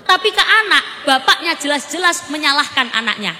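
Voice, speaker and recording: High, bright-voiced woman preacher. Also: fairly quick. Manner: lively, jokey, quizzing the audience. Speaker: Islamic preacher. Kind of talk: humorous village sermon. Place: village gathering. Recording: reverberant PA with faint crowd and noise.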